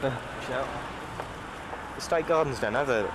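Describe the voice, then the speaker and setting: A man in a mid-pitched voice, making dry, teasing remarks during a street outing. He is heard through a camcorder mic on old VHS tape, with heavy hiss underneath. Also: a little slow. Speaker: friend on a home video outing. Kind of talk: casual banter. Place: outdoors on a town street with parked cars. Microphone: built-in camcorder mic.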